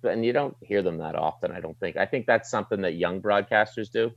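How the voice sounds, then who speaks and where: A man's voice: lowish voice, fairly quick, creaky, no room sound, dull audio. A middle-aged man with a light Maritime Canadian accent, chatting casually and informally in an interview as a sports broadcaster, plain-spoken and slangy. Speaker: sports broadcaster, desk anchor.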